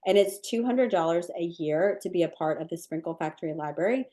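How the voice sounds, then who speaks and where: During a live webinar, a woman teaching cookie decorating responds briskly to questions from viewers. Her voice is low, and her easygoing, chatty manner is full of ums and likes.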